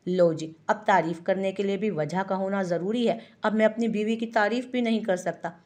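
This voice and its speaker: एक महिला कथावाचक एक शरारती, चिढ़ाने वाले युवा पति की आवाज़ पढ़ती है।. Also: female voice, medium pitch, steady tone, normal speed, darkish tone, natural voice. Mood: teasing. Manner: teasing, mock-innocent. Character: playful young husband teasing his wife. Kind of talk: audiobook character voice.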